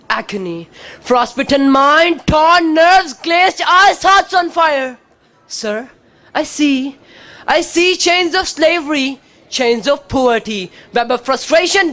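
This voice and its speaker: A woman with a Pakistani accent declaims in a high-pitched voice. Her elocution is precise and deliberate, broken into short, emphatic phrases. The delivery is theatrical, like a formal declamation contest speech. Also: fairly bright tone. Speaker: student competitor in a declamation contest.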